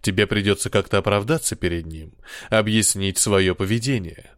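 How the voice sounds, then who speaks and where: A man voicing Arthur, a cold and commanding male leader persona who speaks slowly and with authority, in an audiobook. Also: fairly low pitch, no echo, studio quality, voice pushed down, lightly acted. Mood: stern. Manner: slow, measured, authoritative.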